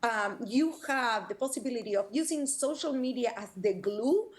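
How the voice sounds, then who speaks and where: An Argentine woman who works as a personal branding coach speaks eagerly during a video call interview. Her accent is Argentine, and her voice sits on the high side at a normal speed.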